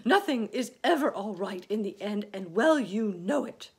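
A woman voicing a gloomy, irritable male earthworm who complains in loud, emphatic protest in a children's storybook. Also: medium pitch, animated, slow, slightly rough, pitched above the performer's own voice, exaggerated voice. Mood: scornful. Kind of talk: children's storybook read aloud.

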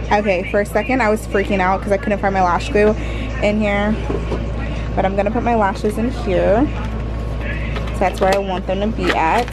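A woman's voice: mid-range voice, rough recording. A young woman from Texas, congested and sick-sounding from allergies, chats casually and thinks aloud as she vlogs in her bedroom. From Texas, United States. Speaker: vlogger. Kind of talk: casual chatty organizing vlog. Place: bedroom at home. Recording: clear hum of air conditioner. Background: air conditioning unit noise.

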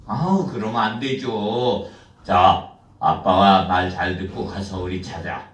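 An older man voicing a gentle but firm father coaxing his child to bed in a puppet show. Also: low voice, slow pace, pitched below the performer's own voice. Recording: roomy sound from a far camera.

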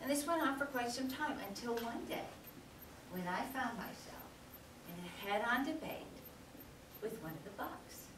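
A middle-aged woman giving a storytelling lecture as guest speaker, animated and often checking in with the audience by asking "okay?". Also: fairly high pitch, normal speed. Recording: echoey hall, distant mic, background noise.

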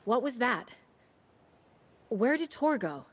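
A woman's voice: fairly high pitch, sing-song, slow pace, breathy edge, full character voice. An actress playing a blunt, incredulous woman detective. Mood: puzzled. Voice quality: direct, incredulous.

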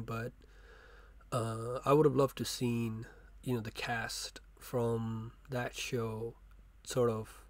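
A man talks through a casual review in a loose, rambling way, stopping and restarting often. His voice sits at an ordinary middle pitch for a man. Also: a little mellow, dry recording. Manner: rambling, many fillers and restarts.

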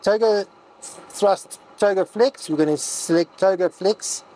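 Methodical male pilot instructor, slightly husky. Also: high-pitched, measured pace, mellow, poor audio. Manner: methodical, reads out settings step by step. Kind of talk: instructional cockpit walkthrough. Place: aircraft cockpit.

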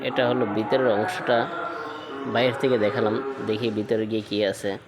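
A man's voice: fairly low pitch, flat delivery, normal speed, loud music behind the voice. Man narrating a shrine tour to viewers. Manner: addresses viewers directly, explanatory. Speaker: vlog presenter.

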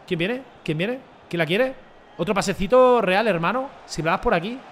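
A young man commenting excitedly on his own football video game match, joking and shouting at big plays. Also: high voice, moderate pace, a little hiss or hum. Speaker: gaming streamer.

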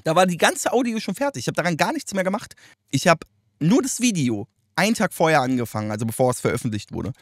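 A man hosting a casual reaction chat, animated and slangy and quick to laugh. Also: a little high, no echo, clean studio sound. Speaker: host.

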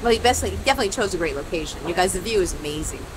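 A woman's voice: lowish voice, rapid-fire. Chatty woman vlog host. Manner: upbeat, chatty, many ums. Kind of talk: casual on-location interviewing. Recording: camera audio with steady background noise.

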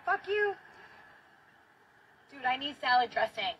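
A woman in her thirties hosts a livestream from inside her car, chatting casually and bluntly with plenty of swearing. Her high voice swings widely in pitch and is unhurried, fairly bright and slightly rough. A phone held at arm's length catches low-quality audio with car noise.

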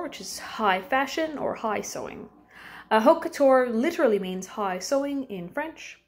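A woman teacher giving an informal recorded lesson from home. She talks in a loose conversational way, asking her students questions and often pausing on um and uh. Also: a little high.

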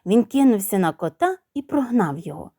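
Woman storyteller, bedtime fairy tale, clear and lively. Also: medium pitch, a little fast, dry recording, clean studio sound. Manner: expressive, clear.

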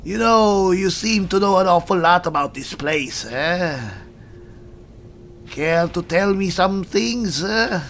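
A man's voice: high-pitched, expressive, slow pace, a bit bright, a little hiss or hum, full character voice. A man voicing a blunt, simple, easygoing barbarian adventurer in a video game role-play, casual and folksy, often ending questions with "eh". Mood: mildly reproachful. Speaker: player of the game. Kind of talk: in-character video game playthrough.

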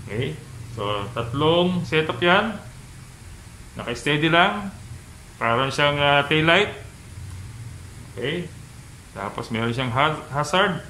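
A man in a bright, crisp voice speaks slowly and haltingly through a cloth mask, stopping often to ask "okay?" as he demonstrates a helmet. The room is echoey, with faint ambient noise behind him. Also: a little high, expressive. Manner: slow, halting, checks in with "okay?". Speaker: vlogger reviewing a helmet. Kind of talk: casual product demonstration.

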